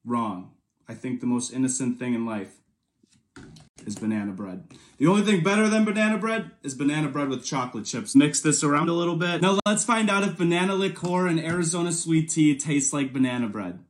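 A man's voice: fairly high pitch, brisk. Man making grand over-the-top claims. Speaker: drink-mixing video creator. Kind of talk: online video monologue.

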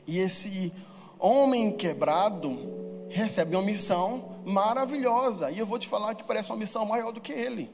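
A man preaching a sermon who talks fast, gets excited and acts out pleading quotes in a raised voice. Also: sits high. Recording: long hall reverb with faint music.

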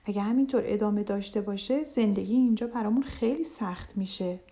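A woman's voice: mid-range voice, dark tone, close to an everyday voice. A woman voicing an anxious, thoughtful pond turtle in a children's storybook tale, speaking earnestly and pleadingly. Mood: worried.

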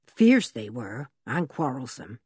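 A woman voicing an old male village blacksmith who tells a story slowly and in a rustic way, with a husky voice. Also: extremely low pitch, sing-song, dark tone, no room sound, studio quality, pitched below the performer's own voice, exaggerated voice. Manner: slow, drawn-out, rustic storytelling. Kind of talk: audiobook character reading.

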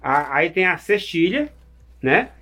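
A man explaining cordel verse forms in casual chat, patient and halting, with many restarts. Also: a little high, big pitch swings, pushed and bright.

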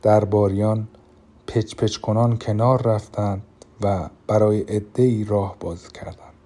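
A man narrating an audiobook in a calm, measured reading voice. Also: on the low side.

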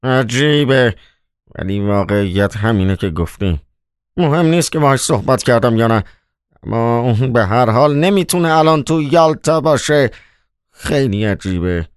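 A jittery, exasperated accountant in a storybook reading, voiced by a male narrator in a lowish, smooth voice with a slightly altered tone. He sounds incredulous and irritable. The recording is dry and close. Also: lively intonation, no room sound. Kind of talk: audiobook character voice.

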